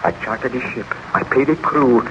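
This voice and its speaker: A man's voice: medium pitch, normal speed, natural voice. An actor playing a remorseful baron and scientist confessing his crimes, declaiming solemnly in 1930s radio horror style. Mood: fervent, tormented. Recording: dull, noisy old 1930s radio recording.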